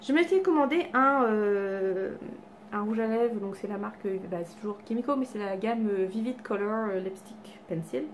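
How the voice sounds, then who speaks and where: A woman's voice: mid-range voice, normal speed, a little hiss or hum. A woman chatting casually to camera about her makeup haul, self-deprecating and full of fillers and restarts, at home. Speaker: beauty vlogger. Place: home with cats around.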